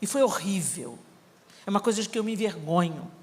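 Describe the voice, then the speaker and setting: A middle-aged Brazilian woman preaching a sermon, telling a family story with animated acting and bursts of shouting. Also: medium pitch, brisk, slightly rough. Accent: Brazilian Portuguese. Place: church hall. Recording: reverberant hall, live sermon.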